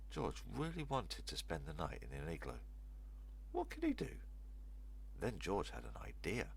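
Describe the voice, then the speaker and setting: An older man with a low, gravelly, creaky voice reads a children's story aloud. His intonation rises and falls in a lively storyteller's manner, with a faint hum behind him.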